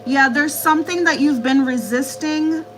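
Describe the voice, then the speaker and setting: A woman's voice: sits high, moderate pace, faint music behind, low-quality recording. A woman doing a live tarot reading, repeating herself reassuringly as she relays messages from spirits. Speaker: tarot reader.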